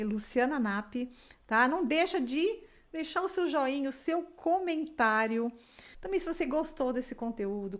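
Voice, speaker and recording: Brazilian woman, English teacher, casual explanatory tone, slightly high-pitched, keeps asking "ok?". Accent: Brazilian Portuguese. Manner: explanatory, constantly checks in with "tá?" and "ok?". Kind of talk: casual online language lesson.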